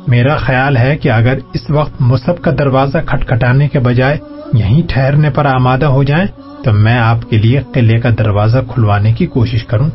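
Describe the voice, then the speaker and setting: A man's voice: mid-range voice, steady tone, lightly acted. A man reading a loyal villager who keeps pressing his offer, deferential and earnest, for an audiobook. The sound is muffled and lo-fi, with faint music behind. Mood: insistent. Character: loyal male villager guide, eager to please.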